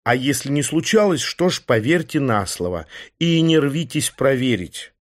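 A man's voice: medium pitch, animated, normal speed. A man narrating a first-person audiobook with a wry, ironic manner.

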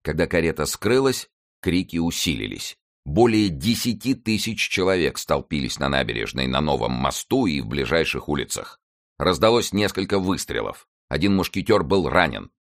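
A man's voice: very deep voice, lively intonation, normal speed, no echo, clean studio sound. A man narrating an adventure novel as an audiobook, reading dramatically.

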